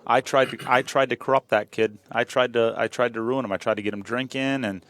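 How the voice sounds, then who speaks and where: A man's voice: mid-range voice, fairly even intonation, brisk, a bit bright. A man commentating a pool match in a chatty, joking way, often repeating himself. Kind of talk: live sports commentary.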